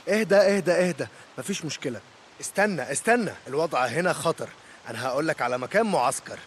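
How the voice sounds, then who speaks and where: A man's voice: medium pitch, animated, fast, a bit bright, slight background noise, close to an everyday voice. An actor with an Egyptian Arabic accent voicing a tough, weary male biker drifter in a video game, curt and commanding.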